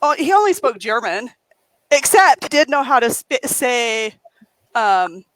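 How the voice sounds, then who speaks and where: A woman chatting on a video call, telling a story with lively acted-out quotes. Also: fairly high pitch, takes it slowly, slight background noise, rough recording. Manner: animated storyteller, acts out quotes with shouts. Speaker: author and group admin. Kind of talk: casual video call chat.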